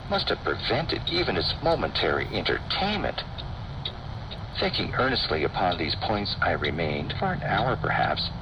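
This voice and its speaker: A man giving a solemn, deliberate, formal dramatic reading of a gothic short story. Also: low voice. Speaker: story reader. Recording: noisy shortwave radio broadcast, heavy static. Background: loud radio noise.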